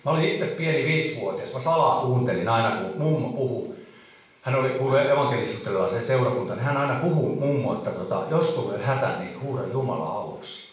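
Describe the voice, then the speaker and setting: A middle-aged man preaching and telling a personal testimony in a halting, emotional way, with many fillers. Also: medium pitch, lively intonation. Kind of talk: testimony sermon. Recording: echoey hall from far off.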